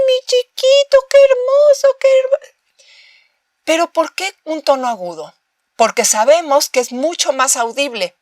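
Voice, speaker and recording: A woman's voice: a little high, no room sound, clean studio sound. A woman with a Mexican Spanish accent giving a recorded university lecture, explaining with rhetorical questions and acting out short examples of talking to babies. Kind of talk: recorded master class lecture.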